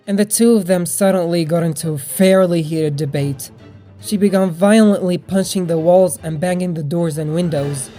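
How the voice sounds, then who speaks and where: A woman's voice: fairly low pitch, mellow. A young adult woman narrating a personal story as a storytime video narrator. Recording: music bed behind the voice. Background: background music.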